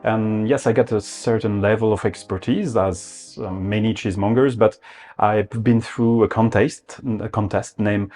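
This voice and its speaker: A man with a French accent, speaking halting, thoughtful English as an interview guest explaining his craft. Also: lowish voice, fairly even intonation, a little mellow, faint music behind. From France. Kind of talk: conversational interview.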